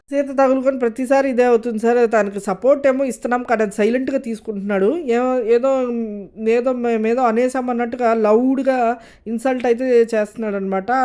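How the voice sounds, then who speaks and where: Brief: female show reviewer, fairly high voice, chatty recap that acts out everyone's lines. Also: a little mellow. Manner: quick retelling, quoting others in turn, frequent "aa" fillers. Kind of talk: casual spoken recap of a reality show.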